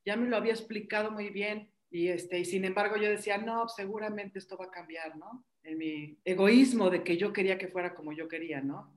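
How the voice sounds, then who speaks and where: A woman with a Mexican Spanish accent, a mother telling her personal story in an animated, emotional way. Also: mid-range voice, brisk, few pauses. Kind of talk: personal testimony in conversation.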